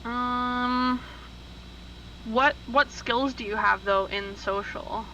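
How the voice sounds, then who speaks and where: A man playing a tabletop game, arguing his point quickly and insistently. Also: extremely high pitch, fairly even intonation, bright, forceful tone, distant mic, dull audio, a little hiss or hum. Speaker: player.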